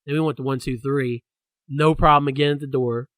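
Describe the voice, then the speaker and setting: A young man hosting a podcast, telling a story in a lively, ranting way. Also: medium pitch, fairly quick, no echo. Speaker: podcast host. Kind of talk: casual chat.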